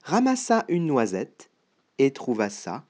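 A storybook reader giving a rhyming children's tale, taking each line slowly and carefully. The voice is animated, with wide swings in pitch that bring out every rhyme. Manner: expressive, rhyming read-aloud delivery. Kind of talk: storybook read-aloud.

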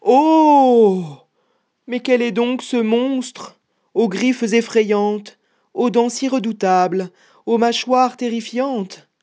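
A storyteller voicing a small, clever, boastful mouse in a read-aloud storybook, speaking in a cheeky, squeaky way. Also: takes it slowly, warm tone, close to an everyday voice. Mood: mock terror.

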